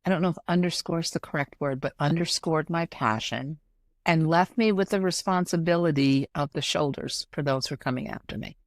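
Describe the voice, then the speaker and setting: An older woman speaks as an interview guest, with a somewhat low voice. She tells stories emphatically and voices the people in them. The recording is dry and close. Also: a little fast, dry recording. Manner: emphatic, animated storytelling with quoted dialogue. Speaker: interview guest, arts executive. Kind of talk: conversational interview.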